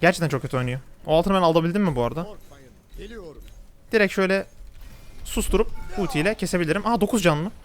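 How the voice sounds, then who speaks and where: A young man casually commentating his own match as he plays, chatty and talking straight to his viewers. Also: sits high. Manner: rapid, chatty, addresses viewers directly. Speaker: gameplay commentator. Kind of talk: live gameplay commentary.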